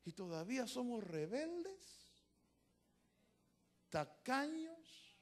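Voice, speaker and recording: A man preaching a sermon as a pastor, swinging between loud shouted lines and hushed asides, with a Central American Spanish accent. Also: very high voice, big pitch swings, very slow.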